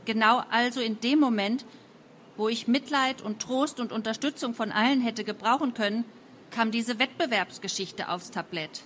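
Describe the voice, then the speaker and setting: A woman reading a first-person young adult novel aloud in a lively, wry storytelling manner. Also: fairly high pitch, normal speed, slight background noise. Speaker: audiobook narrator.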